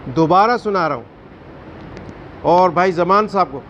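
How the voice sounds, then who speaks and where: A man teaching a Quran recitation class, firm and questioning, drawing out recited words slowly. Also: sits high, expressive, fairly bright tone, highs cut off, slight background noise. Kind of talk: classroom tajweed lesson.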